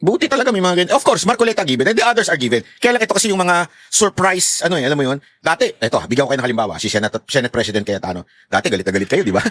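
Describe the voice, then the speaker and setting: A man's voice: fairly high pitch, expressive, racing, hardly any pauses, a bit bright. A man giving heated, sarcastic political commentary to his viewers in a vlog, swearing and laughing often and mixing English phrases into his talk.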